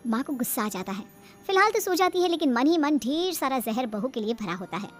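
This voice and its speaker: A woman's voice: sits high, sing-song, fairly quick, faint music behind. Dramatic woman cartoon narrator. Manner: dramatic, storytelling. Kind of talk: scripted storytelling narration.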